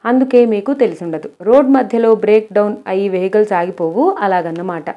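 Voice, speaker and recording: A woman's voice: medium pitch, fairly quick, dull audio, lightly acted. A woman doing Rambabu, a cheeky show-off lad. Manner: playful, boastful. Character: cheeky show-off young male college student.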